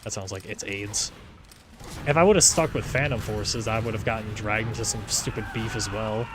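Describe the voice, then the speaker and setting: A man's voice: lowish voice, moderate pace, background noise. Guy in his 20s rambling in game chat, lots of likes and restarts, gunfire behind. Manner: rambling, many "like"s and restarts, chuckles often. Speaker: gaming YouTuber. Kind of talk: casual chat during an online game. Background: game gunfire and explosions.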